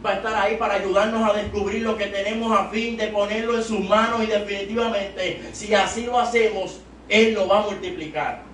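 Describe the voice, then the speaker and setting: Filmed from far back in an echoey, noisy small sanctuary, a young Puerto Rican evangelist exhorts a youth service from the pulpit, handheld mic in hand. His high voice holds a steady tone, running a little fast with hardly any pauses, and his Puerto Rican Spanish accent comes through as he rises to loud, emphatic peaks.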